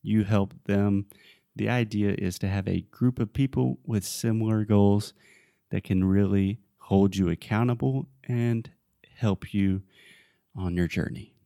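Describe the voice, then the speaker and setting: Low, mellow-voiced male podcast co-host. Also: fairly even intonation, measured pace, creaky, dry recording, clean studio sound. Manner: explanatory, teacherly. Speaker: podcast co-host and English tutor. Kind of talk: casual podcast chat explaining English phrases.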